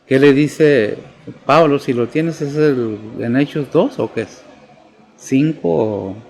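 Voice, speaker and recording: A man's voice: mid-range voice, slow pace, vocal fry, darkish tone. A male pastor, preaching and posing questions to the congregation. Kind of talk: sermon.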